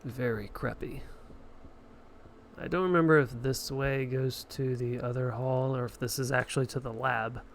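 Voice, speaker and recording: A man casually chatting on a live stream while playing a horror game, swearing and yelling at the enemies. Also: mid-range voice, steady tone, moderate pace, hardly any pauses, slight background noise.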